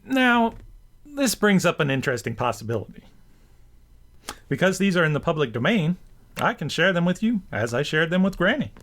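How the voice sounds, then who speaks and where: Very animated and pausing often, a man with a slightly high, fairly bright voice hosts a scripted rant and commentary show at a moderate pace. His phrasing is wordy and bookish, and music plays in the background.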